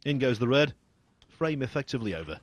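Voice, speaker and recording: A man giving hushed snooker commentary in a measured, understated way, with a slightly husky voice. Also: mid-range voice, very animated, slight background noise.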